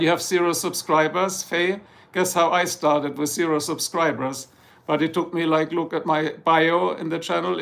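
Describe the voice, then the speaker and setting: A German man with a German accent hosts a livestream from his home in Ohio, US, casually reading comments, rambling, joking, and sometimes slipping into German. His voice is fairly high-pitched, a bit bright, with vocal fry.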